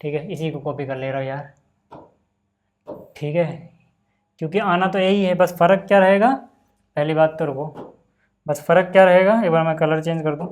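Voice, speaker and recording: A man teaching a maths lesson in a relaxed, chatty way, often saying "okay" and calling his students "brother". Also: a little high, normal speed, long pauses, muffled recording. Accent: Hindi. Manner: casual, repeats "ठीक है" and "भाई" often. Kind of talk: screen-recorded maths lesson.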